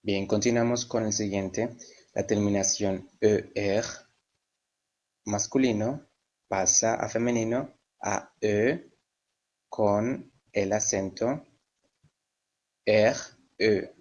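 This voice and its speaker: A man teaches French. His voice sits a little low, and he talks at a very unhurried pace. He spells word endings out letter by letter and repeats each word with care. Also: fairly even intonation, a little mellow. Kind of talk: slow step-by-step language lesson.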